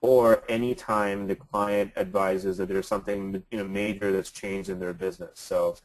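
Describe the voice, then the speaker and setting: A man's voice: fairly low pitch, flat delivery, moderate pace, rough recording. A man speaking as a panelist on a video call, explaining with casual fillers. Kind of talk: expert discussion.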